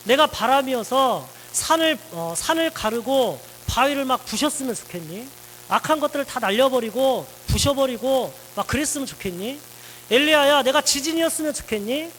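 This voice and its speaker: Male preacher acting as God, high and searching, questions repeated tenderly. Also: lively intonation, normal speed, fairly bright tone, long reverb tail, slight background noise, poor audio. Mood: gently probing. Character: God gently questioning a weary prophet, man.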